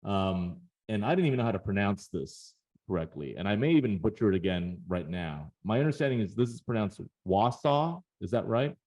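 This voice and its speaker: A man walks listeners through charts in a relaxed webinar presentation. His voice sits fairly low and has a warm, mellow tone. He talks casually and fills pauses with little "um"s and "like"s. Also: poor audio.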